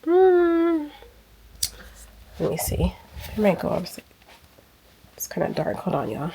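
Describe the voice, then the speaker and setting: A woman in her thirties talks straight to her handheld camera in a relaxed lifestyle vlog. Her voice sits a little low, and she leans on emphasis, saying her key points twice. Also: moderate pace, vocal fry, slight background noise. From United States. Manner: chatty, emphatic, repeats phrases for effect. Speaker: lifestyle vlogger. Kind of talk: casual vlog chat. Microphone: small handheld camera mic.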